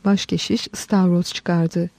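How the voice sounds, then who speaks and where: A woman narrating a historical story in a measured, dramatic reading. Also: fairly low pitch, little pitch movement, creaky, mellow, no room sound. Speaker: audiobook narrator.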